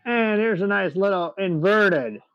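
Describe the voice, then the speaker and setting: A man giving excitable, chatty live commentary on an air show, laughing often. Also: sits high, measured pace, clean tone, dry recording, highs cut off, faint music behind.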